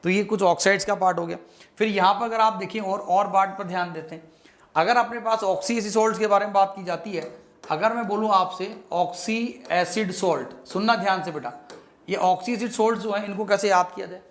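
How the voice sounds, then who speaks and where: A fairly high-voiced man teaches chemistry at a rapid clip. He fills the lesson with playful jokes and memory tricks and keeps calling his students beta. He slips English phrases into his Hindi as he talks. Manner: playful, jokey mnemonics, calls students beta. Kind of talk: fast-paced exam revision lecture.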